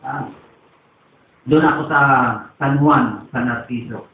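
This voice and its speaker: A man's voice: mid-range voice, takes it slowly. A man preaching in a church, telling a rambling personal testimony as a sermon. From Philippines. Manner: rambling storytelling. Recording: tinny echoey distant church recording.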